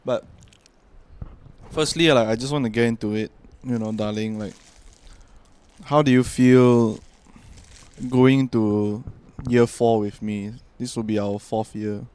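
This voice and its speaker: A young man hosting a casual podcast chat, relaxed and full of fillers. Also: mid-range voice, takes it slowly, pauses often, smooth. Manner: relaxed, filler-heavy, trailing off. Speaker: podcast host.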